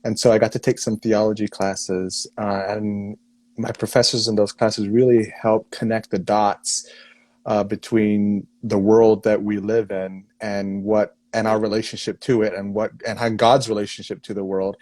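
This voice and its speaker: A man's voice: on the low side, flat delivery, normal speed, darkish tone, dry recording. A young man from Singapore, a guest in a casual interview, speaking thoughtfully and earnestly with a self-deprecating touch.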